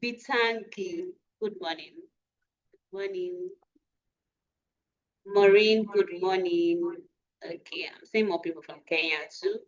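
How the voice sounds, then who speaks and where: A woman hosts an online session, reading out attendees' names and checking how to say them. Her voice sits fairly low. It comes through dull and lo-fi over a video call. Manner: unhurried, reading names aloud and pausing over pronunciations. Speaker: webinar host. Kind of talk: greeting attendees by name before an online session.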